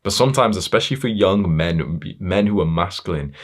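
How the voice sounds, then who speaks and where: A man with a very low voice delivers a hard-edged motivational monologue. He talks straight at the listener, swearing freely and pushing harder as he goes, tripping over fillers and restarts along the way. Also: animated, a little fast. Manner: blunt, confrontational, heavy swearing; fillers and self-restarts, building intensity. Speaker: motivational speaker.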